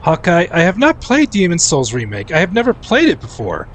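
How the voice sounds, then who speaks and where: A man's voice: high voice, fairly quick, slight background noise. A man in his forties chatting casually and rambling, restarting sentences while he live-streams a game. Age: 40s. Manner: rambling, animated, restarts often.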